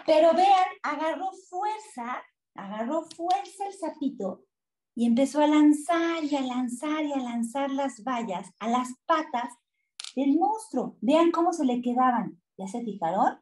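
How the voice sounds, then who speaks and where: A woman with a Mexican accent reading a picture book aloud to children, expressive and asking them questions. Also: high-pitched, unhurried. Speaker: children's storyteller. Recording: echoey room.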